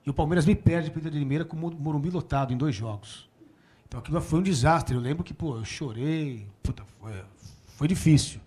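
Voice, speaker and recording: A man in his forties with a Brazilian Portuguese accent, telling stories in a casual, animated way and laughing often. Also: on the high side, quick pace. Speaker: guest. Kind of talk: casual storytelling. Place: small room before a small audience.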